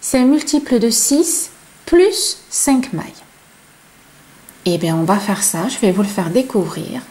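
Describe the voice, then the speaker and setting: Slow-talking woman teaching crochet. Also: mid-range voice, very animated, darkish tone, poor audio. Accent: non-native French. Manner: counts stitches aloud, chatty asides. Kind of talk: slow step-by-step tutorial.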